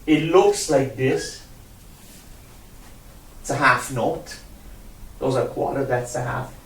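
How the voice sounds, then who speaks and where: A man's voice: mid-range voice, slow pace, slight background noise. A man teaching a one-on-one music lesson, patient, repeating himself and counting out rhythms. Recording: roomy sound from a distant mic.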